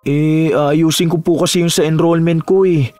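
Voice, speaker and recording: Brief: actor voicing a young male student, high-pitched, respectful but hot-tempered. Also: fairly even intonation, moderate pace, darkish tone, soft background music, natural voice. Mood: pleading. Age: young adult. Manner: pleading, then indignant and cutting.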